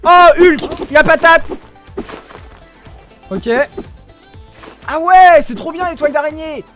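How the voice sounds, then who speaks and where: A young adult gaming video creator gives excited commentary over his own gameplay, exclaiming often and talking directly to viewers. His voice is very high and slow. He records on a desk mic wearing headphones, with soft background music.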